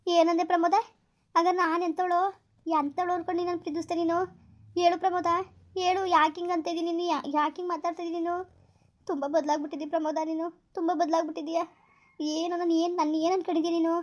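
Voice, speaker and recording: A woman's voice: very high-pitched, flat delivery, rapid-fire, a little mellow. A woman playing a heartbroken young woman who pleads tearfully with her lover in a village skit, on a dull lo-fi recording. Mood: pleading. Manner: pleading, tearful, repeats please.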